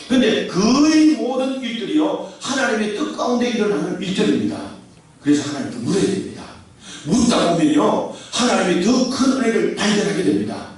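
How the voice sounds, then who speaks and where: A male pastor preaching an emphatic sermon, calling the congregation to answer amen. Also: high voice. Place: large echoey church sanctuary. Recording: very echoey hall, voice from far off the mic.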